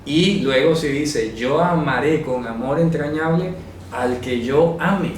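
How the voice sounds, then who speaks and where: A man teaching a Bible study, slowly spelling out Hebrew phrases and often checking that listeners follow. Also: a little high. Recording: echoey room, mic far off, faint noise.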